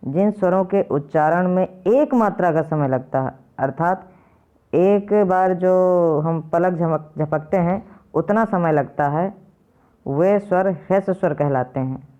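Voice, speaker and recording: A man teaching a lesson, patiently repeating and slowly spelling out each sound. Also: high-pitched. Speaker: Sanskrit teacher. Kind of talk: explanatory lesson to viewers. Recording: dull lo-fi recording.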